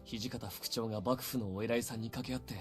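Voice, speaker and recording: Man acting an earnest, quick young samurai. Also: mid-range voice, fairly even intonation, faint music behind, close to an everyday voice. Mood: serious. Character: earnest young samurai page, curt and dutiful. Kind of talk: Japanese visual novel voice acting.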